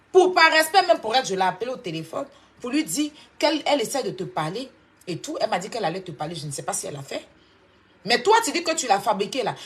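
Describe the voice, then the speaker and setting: A woman from Côte d'Ivoire with an Ivorian French accent, delivering a confrontational, mocking monologue that swings from loud outbursts to low scolding. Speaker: online commentator. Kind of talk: heated clash monologue.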